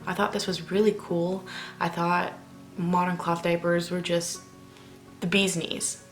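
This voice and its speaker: In a fairly low, flat-pitched voice at a measured pace, a young woman vlogs about parenting with faint music in the background. She rambles chattily to camera at home late at night, hushed so her sleeping family stays undisturbed.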